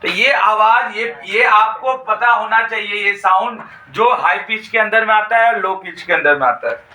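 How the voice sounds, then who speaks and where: High-voiced bright male teacher. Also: echoey room, far from the mic, a little hiss or hum, rough recording. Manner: dictates slowly, repeats phrases, asks students questions. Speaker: physics teacher. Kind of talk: classroom lecture. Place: classroom.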